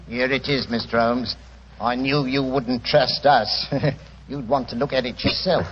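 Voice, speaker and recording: An actor playing a plodding British police inspector in 1940s radio drama, speaking in a respectful, halting manner. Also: male voice, medium pitch, steady tone, a little hiss or hum, natural voice. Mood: respectful, rueful. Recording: muffled 1940s radio recording.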